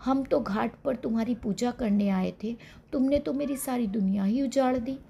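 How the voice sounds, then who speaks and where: A woman's voice: a little high, moderate pace, vocal fry, mellow, slightly rough. A woman voicing a devout old mother-in-law who pleads through tears in a spoken story. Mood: pleading. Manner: pleading, tearful.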